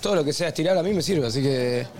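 A man's voice: fairly high pitch, expressive, fast talker, darkish tone, soft background music. A man with an Argentine accent hosting a comedic chat show, directing others and hurrying things along. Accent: Argentine Spanish. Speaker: host.

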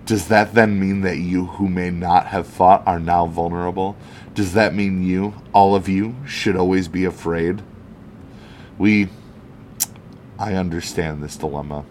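A man reading out the earnest, measured public speech of a heroic male alien superhero. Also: deep voice, slight background noise. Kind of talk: reading a comic speech aloud.

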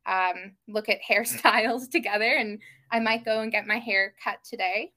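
Young woman podcast guest, bright tone, eager, lots of ums. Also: mid-range voice, steady tone, normal speed. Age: young adult. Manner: enthusiastic, many ums and restarts. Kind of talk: casual podcast chat.

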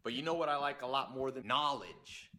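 A man's voice: mid-range voice, brisk, close to an everyday voice. A man playing a boastful rich man showing off his sports car, in a chopped-up, repetitive remix with crowd noise behind.

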